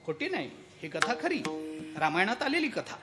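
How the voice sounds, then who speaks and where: A man's voice: high voice, sing-song, moderate pace, music in the background. A man preaching a devotional kirtan, telling a story and asking the audience rhetorical questions.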